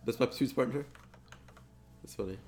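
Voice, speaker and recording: A young man streams a game from his room at home and talks casually to his chat at an ordinary pitch. He trips over his words and repeats himself as he talks. Keyboard clatter and a faint hiss sit under his voice. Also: brisk, a little mellow.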